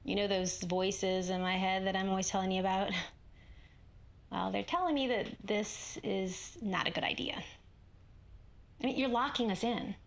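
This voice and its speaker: A woman playing a weary, uneasy sleepwalking wife in naturalistic found-footage horror, speaking hesitantly in a sometimes breathy voice. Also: medium pitch, steady tone, moderate pace, pauses often, close to an everyday voice. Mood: uneasy, protesting.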